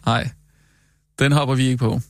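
A man's voice: mid-range voice, little pitch movement, dry recording. Chatty man co-hosting a comedy sketch. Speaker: co-host.

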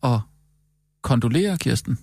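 A hesitant man with a Danish accent, stammering through a comic radio sketch. His voice is gravelly and of middling pitch, recorded close and dry. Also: expressive, a little mellow, no room sound. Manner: hesitant, filler-heavy, stammering. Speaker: comedy radio character on a phone call.

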